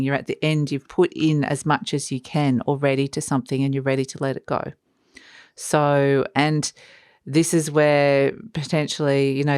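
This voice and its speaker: A tarot reader with a smooth, clear voice gives a mystical horoscope reading. The delivery is conversational and encouraging, unscripted and addressed straight to the listener. The sound is close and dry, at a medium pitch. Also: no room sound.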